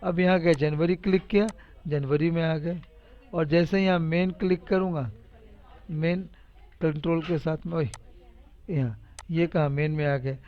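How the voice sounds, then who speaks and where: A man's voice: a little high, steady tone, measured pace, long pauses. A man with a slightly raised voice runs a casual spreadsheet tutorial, repeating each step aloud and cheering his students on with playful teasing. The sound is a little dull and lo-fi. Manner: chatty, repetitive, teasing and encouraging. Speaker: computer teacher. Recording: dull lo-fi recording.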